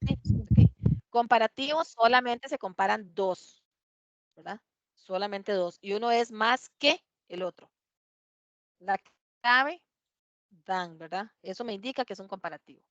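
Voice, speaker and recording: A woman English teacher with a medium-pitched voice gives a classroom grammar lesson, speaking a little slowly and pausing often; there is no echo, though the recording is dull and lo-fi. Patient and methodical, she repeats key points and checks that her students are following.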